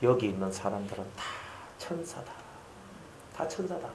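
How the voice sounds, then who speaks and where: A man quoting his frail, remorseful old father in a soft, hushed voice. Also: on the low side, expressive, moderate pace, echoey room, slight background noise, pitched below the performer's own voice, close to an everyday voice.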